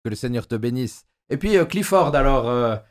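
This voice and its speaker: A man's voice: mid-range voice, animated, normal speed. A man hosting a Bible study discussion, talking with frequent hesitations and filler sounds. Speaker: host.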